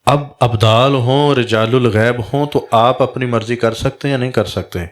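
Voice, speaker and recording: A man's voice: mid-range voice, steady tone. A man, a Sufi spiritual guide, telling a story in a religious talk and acting out the dialogue in quoted voices.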